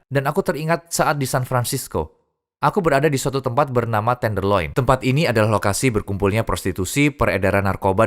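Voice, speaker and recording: A man earnestly telling his own conversion story in a dubbed first-person testimony. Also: mid-range voice.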